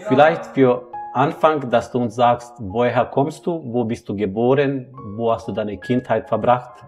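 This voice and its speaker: A man interviewing a guest, asking gentle, encouraging questions. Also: medium pitch, normal speed, faint music behind.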